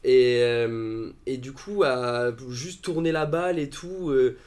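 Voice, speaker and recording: Male football pundit, mid-pitched, halting delivery full of "euh", live-stream chat. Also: a little mellow. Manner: hesitant, many fillers and restarts. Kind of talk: casual live-stream discussion.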